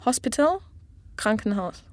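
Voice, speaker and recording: A woman tutoring a language lesson, giving each phrase slowly and clearly for a learner to repeat. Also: a little high, very animated, no room sound. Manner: clear, measured model pronunciation.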